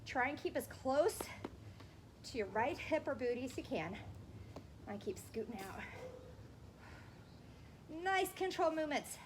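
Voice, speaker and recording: A high-pitched woman instructs a workout as she does it herself, a little winded. She gives short, encouraging cues on form. The recording has clear noise behind her. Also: sing-song, a little slow, long pauses. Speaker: fitness instructor leading a workout. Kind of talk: coaching a home workout while exercising along. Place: indoors on carpet.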